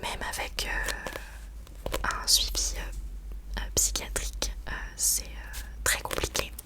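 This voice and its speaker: Casting: female ASMR book reviewer, hushed library whisper throughout, informal and hesitant delivery. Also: slow pace. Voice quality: soft unvoiced library-like whisper. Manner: hesitant, informal, searching for words.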